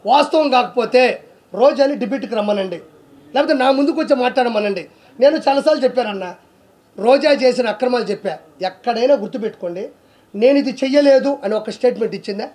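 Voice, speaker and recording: A man's voice: very high-pitched, fast talker, darkish tone. A man, a comedian, delivering a heated, sarcastic political rant, scolding and mocking with one rhetorical question after another. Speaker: comedian giving political commentary.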